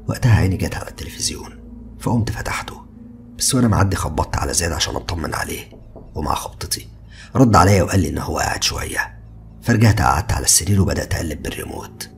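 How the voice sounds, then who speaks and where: Rapid-fire male horror narrator, Egyptian accent, deep and gravelly with a faint hiss behind. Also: animated. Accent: Egyptian Arabic. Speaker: storyteller. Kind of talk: first-person horror story narration.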